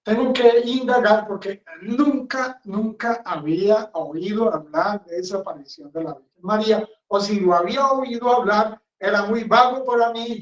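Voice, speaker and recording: A man, a friar, preaching a homily in a blunt, rambling, conversational way. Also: high voice. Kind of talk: sermon. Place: chapel. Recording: roomy, distant, dull sound.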